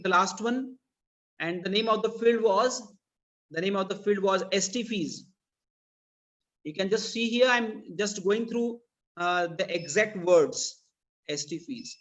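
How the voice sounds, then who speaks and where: In a live online lesson, a man with an Indian accent teaches programming in a high, fairly bright voice, explaining didactically and repeating phrases for emphasis. The audio is dull, lo-fi online meeting sound.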